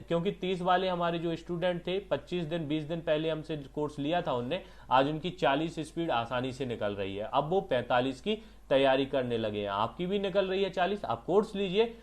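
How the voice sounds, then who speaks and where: A man teaching exam dictation and typing skills, who explains step by step and asks and answers his own questions. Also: a little high. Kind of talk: online exam-prep lesson.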